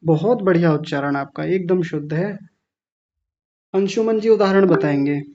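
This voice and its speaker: A man teaching children pronunciation in a classroom, patient and gentle, repeating sounds slowly. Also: high-pitched. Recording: dull lo-fi classroom recording.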